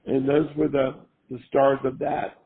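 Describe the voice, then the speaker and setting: An older man, hoarse from a cold, chatting casually as an interview guest and rambling with lots of fillers. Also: medium pitch, flat delivery, measured pace. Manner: rambling, full of fillers and restarts. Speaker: guest, former costume maker. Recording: tinny phone-line sound.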